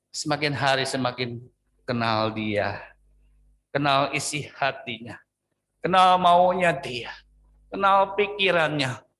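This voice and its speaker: A man pastor preaching a sermon with an Indonesian accent, swinging between loud emphatic lines and drawn-out, quieter phrases. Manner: animated preaching with sudden pitch swings and drawn-out words.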